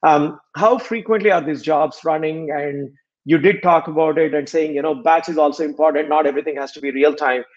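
A man's voice: on the high side, brisk. Hesitant man on dull video-call audio. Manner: hesitant, many fillers. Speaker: host, interviewer. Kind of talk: video call interview questions. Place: home room indoors. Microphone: webcam on video call.

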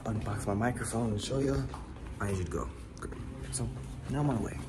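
Young american guy vlogging, lowish voice, slangy and offhand, noisy phone audio. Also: a little fast. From Texas, United States. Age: young adult. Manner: slangy, offhand, says bro and man often. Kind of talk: casual vlog chat. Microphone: phone at arm's length. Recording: noisy handheld phone recording, vehicle and outdoor noise.

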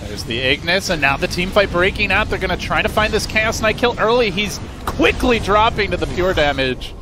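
A man giving excited play-by-play commentary on an esports match. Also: sits high, normal speed, background noise. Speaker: play-by-play caster.

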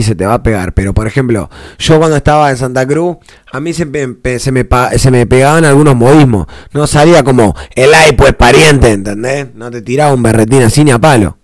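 Argentine guy chatting through a reaction vid, loose and slangy, dry close sound, mid pitch. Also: a little fast, darkish tone, no room sound. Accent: Argentine Spanish. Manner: rambling, slangy, with many restarts. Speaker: reaction video host. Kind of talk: casual commentary.

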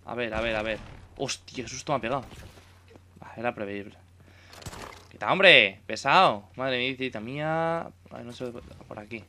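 A young gaming YouTuber with a Spain Spanish accent casually commentates his own gameplay, swearing, exclaiming at the game, and mocking himself. His voice is medium-pitched and a bit bright, at a moderate pace, with a little hiss or hum in the audio.

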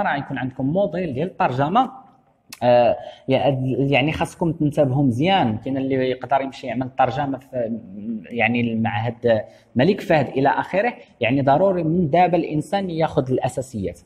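A man with a Moroccan Arabic accent teaching English grammar. He explains in dialect, reads English examples slowly and keeps asking "okay?". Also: a little high, a little mellow, in a large hall. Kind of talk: classroom grammar lesson.

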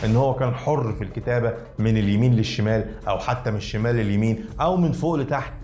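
A man's voice: medium pitch, very fast, mellow, reverberant. A man with an Egyptian Arabic accent giving a scripted educational narration, explaining things and addressing the listeners directly.

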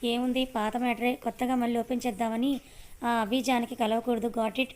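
A scheming young male villain, sneering and mocking, as a woman reader voices him. The voice stays fairly high and flat. It is a storybook reading. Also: moderate pace, lightly acted.

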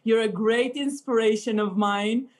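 A stand-up comedian from Israel jokes and chats on a video call from an indoor room, her speech full of fillers. She speaks at a measured pace in a steady-toned voice on the high side, picked up by a laptop webcam.

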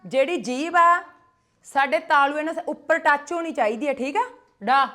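A woman leads a children's language class, calling out each word slowly and loudly so the group can repeat it. Her voice sits high. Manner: slow, loud, drawn-out syllables for children to repeat. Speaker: Punjabi and Gurbani teacher. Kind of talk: call-and-response class teaching. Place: gurdwara classroom.

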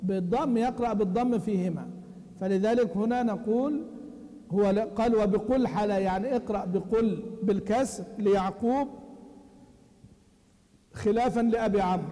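Male teacher, high-pitched, quizzes students and chants verses, long hall reverb. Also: warm tone. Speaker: Quran recitation teacher. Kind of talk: classroom lesson explaining a text. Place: large mosque hall.

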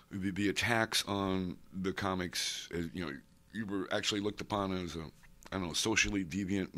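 Interviewed in a studio with a painted backdrop, a comic collector in his sixties rambles off on long tangents and forgets what he was asked in this oral-history session. He grew up abroad in Saudi Arabia, Africa and India. His voice sits low with a fairly bright tone, picked up by a stand mic placed close in front.

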